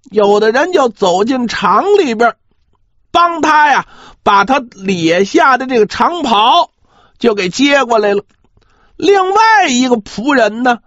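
Slow and animated, a very high-pitched man tells a dramatic traditional pingshu story. He lingers on particles and addresses listeners with rhetorical asides. The audio is roomy and a little dull.

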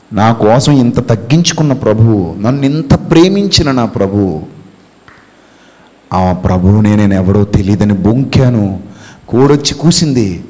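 A man preaching an impassioned sermon with a Telugu accent, swinging from hushed tones to shouts and acting out quotes. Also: fairly low pitch. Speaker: pastor. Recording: long hall reverb.

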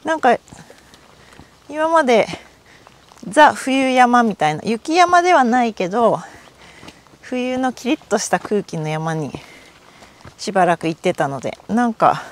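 Walking uphill on a mountain trail outdoors, a middle-aged Japanese woman keeps up a chatty monologue for her casual solo hiking vlog, recorded on a body-worn camera. She speaks expressively and unhurriedly in a fairly high voice, leaving long pauses.

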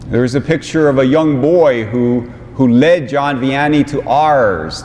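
A man in his forties, a bishop giving an ordination homily in a large cathedral, speaking in a slow, measured way through a lapel mic. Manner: slow, measured delivery with warm asides. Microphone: small lapel mic on vestments. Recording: long cathedral reverb, faint rumble.

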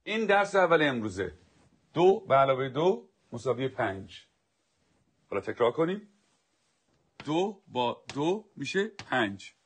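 A man's voice: mid-range voice, sing-song, pauses often, slightly rough. A man playing a stern, authoritarian teacher who drills his class with commanding, dismissive orders. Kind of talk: dubbed drama acting.

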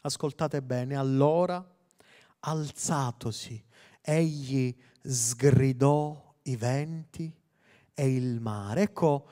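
A pastor in his thirties preaches with fervor, his middle-pitched voice climbing to loud, urgent peaks. He speaks into a handheld mic, and the church hall lets his words ring out with a long tail of reverb. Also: drawn-out words. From Sicily, Italy. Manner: fervent preaching, rising to loud emphatic peaks. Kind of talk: sermon.

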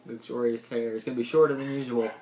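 A man in his twenties chats casually as host of a homemade video, speaking fast with a dark, steady, medium-pitched voice. He records in a small indoor room on a tablet held at arm's length, so the sound is noisy and has a roomy echo.

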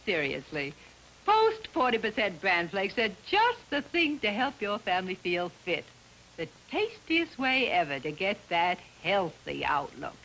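An American actress playing a chatty, wry middle-aged homemaker in a 1950s TV broadcast commercial. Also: female voice, medium pitch, very animated, unhurried, a bit bright, low-quality recording. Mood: cheerful, persuasive. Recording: faintly hissy old TV soundtrack.

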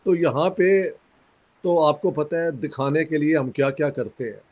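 A man from Pakistan, a guest in an interview, speaking in a measured, critical way with pauses and a sore throat. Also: a little high, darkish tone. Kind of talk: conversational interview.

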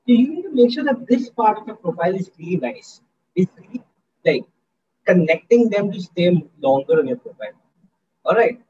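Brief: high-pitched man leading a student workshop, upbeat and coaxing, muffled lo-fi call audio. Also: animated, fairly quick, mellow. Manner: upbeat, coaxing, keeps asking the audience. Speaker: guest speaker in a student workshop. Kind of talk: interactive online lecture.

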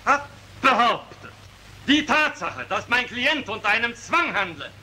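An actor playing an earnest defence lawyer who argues formally, heard in a 1930s film with faint hiss. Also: male voice, very high voice, very animated, a little slow, sharp tone, full character voice, rough recording. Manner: formal, arguing over a jeering crowd. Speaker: defence counsel.

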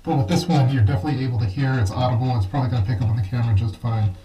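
A man's voice: medium pitch, steady tone, racing, mellow, breathy edge, faint music behind. A man reviewing gear casually to camera, his voice projected and muffled through a gas mask in a small shower stall. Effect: muffled, speaking through a gas mask. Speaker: product reviewer. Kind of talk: talking to camera during a gear test. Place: small enclosed home shower.

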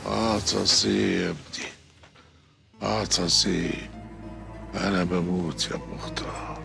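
A man's voice: mid-range voice, fairly even intonation, unhurried, vocal fry, soft background music. An actor with an Egyptian accent playing a dying old father who groans feebly. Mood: feeble groaning. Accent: Egyptian Arabic. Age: older.

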